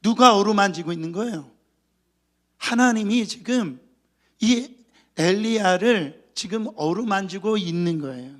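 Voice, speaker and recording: A man's voice: high voice, a little slow, a bit bright. A male pastor preaching a sermon, earnestly addressing the congregation with rhetorical questions. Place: church.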